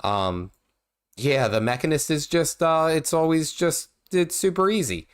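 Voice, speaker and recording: This man's voice is fairly high, expressive, clear, and resonant, and he takes his time. Sick and nasal-sounding, the gaming livestream host rambles casually as he plays, with frequent fillers and restarts.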